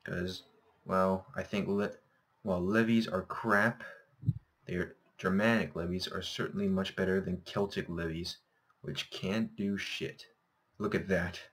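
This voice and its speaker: A man's voice: low-pitched, fairly even intonation, measured pace, fairly bright tone. A man with a slightly scratchy, sore-throated voice commentating casually on a game, thinking aloud and correcting himself. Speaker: gameplay host.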